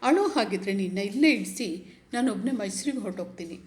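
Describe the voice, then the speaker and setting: Woman reader doing a gruff forties gentleman in a read-aloud story, short-tempered and clipped. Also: medium pitch, animated, fairly quick, lightly acted. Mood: irritated. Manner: curt, scolding. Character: well-off middle-aged man, curt and impatient.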